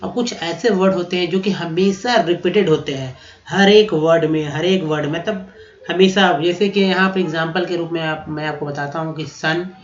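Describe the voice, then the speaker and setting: A man's voice: fairly high pitch, moderate pace. A man teaching vocabulary to his viewers in a chatty lesson, spelling words out letter by letter and breaking them into syllables. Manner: chatty, addresses viewers as friends. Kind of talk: explanatory spoken lesson. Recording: roomy, dull lo-fi recording.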